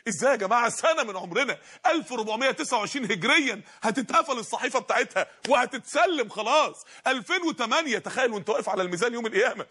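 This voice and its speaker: Fast, high, impassioned Egyptian preacher. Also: male voice, expressive, pushed and bright, breathy edge. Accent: Egyptian Arabic. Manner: impassioned, rapid-fire rhetorical questions. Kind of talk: sermon.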